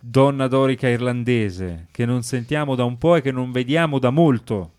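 A man's voice: medium pitch, normal speed, darkish tone, clear, resonant tone. A man hosting a sports radio show, chatting and reading out listeners' messages.

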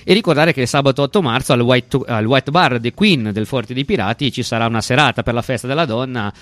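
Male local radio host, mid pitch. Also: a little fast, fairly bright tone, no echo. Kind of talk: live local radio sign-off talk.

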